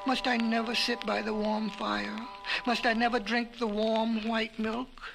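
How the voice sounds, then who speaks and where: A man's voice: measured pace, vocal fry, low-quality recording. A man voicing a proud, sly storybook cat. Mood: wheedling. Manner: pleading, sweet-talking, high and soft. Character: proud, sly male cat, wheedling when begging. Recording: vintage vinyl record with music.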